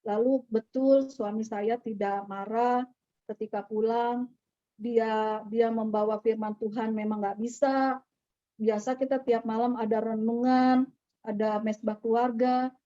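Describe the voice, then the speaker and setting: A woman's voice: a little high, little pitch movement, unhurried, mellow. A middle-aged woman gives a personal testimony to a church audience. She tells her story conversationally and acts out the dialogue she quotes. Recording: slightly dull, dry recording.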